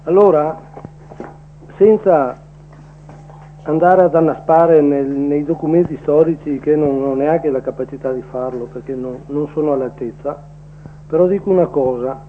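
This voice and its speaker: A man's voice: on the high side, moderate pace, slight background noise. A man calling into a radio show over the phone, speaking in a plainspoken, earnest way. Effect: heard over the phone line. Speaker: radio call-in caller. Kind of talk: casual opinion on air. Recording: muffled phone-line audio.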